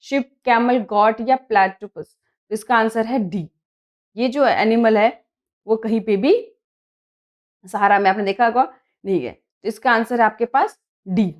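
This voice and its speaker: Higher-pitched woman teacher explaining exam questions. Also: lo-fi sound. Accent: Hindi. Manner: reads English questions slowly, then explains in Hindi. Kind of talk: exam prep lesson.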